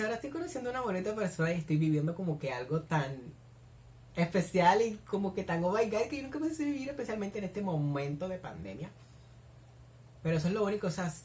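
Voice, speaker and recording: Slight background noise accompanies a young woman's low, slightly mellow voice. Speaking with a Colombian accent, she hosts a casual reaction video at home, effusively squealing and gushing as she watches.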